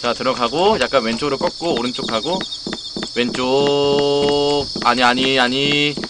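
A young adult male streamer coaching a teammate through a horror game, swinging between gentle reassurance and frantic yelling. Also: mid-range voice, steady tone, measured pace. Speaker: gaming streamer. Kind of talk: horror game relay commentary. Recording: clear background noise, game ambience with crickets.

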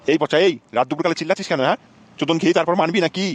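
A man's voice: fairly high pitch, racing, natural voice. A man doing a crude hot-tempered cartoon dad. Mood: angry. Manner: cursing and threatening. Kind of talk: comic Bengali cartoon voice acting.

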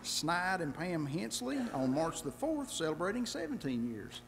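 A man giving church announcements from the pulpit in a plain way, reading out a card slowly. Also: a little high, big pitch swings, gravelly, big-room sound, crowd noise, background noise.

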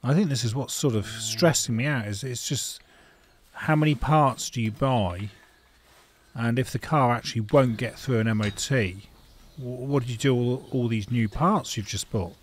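A man's voice: mid-range voice, normal speed. Middle-aged man, home mechanic, casual wry garage narration, faint background noise. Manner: wry, frank, thinking aloud with fillers. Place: indoor garage workshop. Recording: faint noise and tool clicks.

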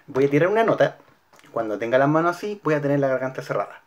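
Calm Chilean man teaching singing. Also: mid-range voice, fast, muffled recording. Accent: Chilean Spanish. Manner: calm, clear instructional delivery with demonstrated vowels. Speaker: school music teacher. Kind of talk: recorded singing lesson for students.

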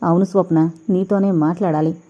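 A woman's voice: on the low side, steady tone, a little fast, warm tone, close to an everyday voice. Woman reading a proud, furious young man. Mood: stern. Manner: stern, barely holding back anger. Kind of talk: audiobook character reading. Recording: dull lo-fi recording.

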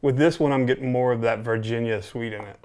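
A man in his thirties talks to camera in a small home office. His voice sits at an average pitch. He delivers a casual product review off the cuff, musing and rephrasing as he goes. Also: steady tone, fast, a little mellow. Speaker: pipe tobacco reviewer.

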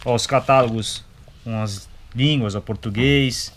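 Unhurried and a bit bright, a young man's mid-range voice carries a Brazilian accent as he demonstrates a product inside a motorcycle gear shop. He reviews it casually and colloquially, going step by step and checking in with brief tags.

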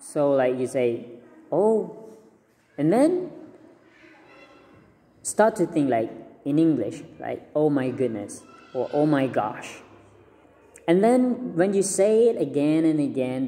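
Giving language tips on camera, a young Cambodian man who grew up speaking Khmer talks slowly in a mellow, somewhat high voice. He's earnest and often repeats or restarts, and although he's in a small indoor room using an arm's-length phone, it sounds like a large hall.

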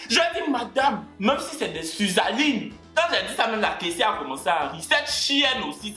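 A man's voice: high voice, pushed and bright. A man telling a comic story as a monologue, with exaggerated mock outrage. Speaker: comedian storyteller. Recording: roomy sound with faint music.

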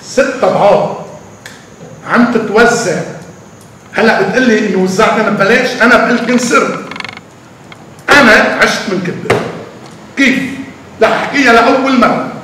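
An older man speaks, in a fairly high voice for a man. He answers as a poet in an emphatic storytelling way. The sound is recorded from far off in a big echoing hall. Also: moderate pace, pauses often, sharp tone. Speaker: poet being interviewed. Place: large echoey hall. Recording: echoey hall from far off, faint noise.

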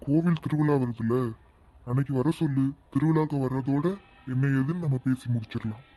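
A man voicing a calm, mellow cartoon father. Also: mid-range voice, fairly quick, lightly acted. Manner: calm, reassuring. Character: easygoing village father, indulgent. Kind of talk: animated cartoon voice acting.

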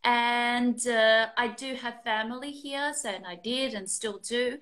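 A woman in her fifties with an Australian accent, chatting as an interview guest over a video call, relaxed and often laughing. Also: on the high side, unhurried. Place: room at home, indoors. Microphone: video call, built-in mic.

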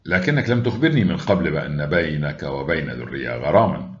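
A man voicing a calm, loyal middle-aged friend who speaks in a measured, reassuring way, in a storytelling read-aloud. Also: rumbling low, dull audio.

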